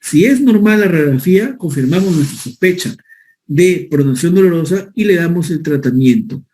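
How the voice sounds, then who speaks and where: A man's voice: a little high, animated, moderate pace, warm tone. A man giving a medical lecture, explaining step by step and often checking in with his listeners. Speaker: physician lecturer.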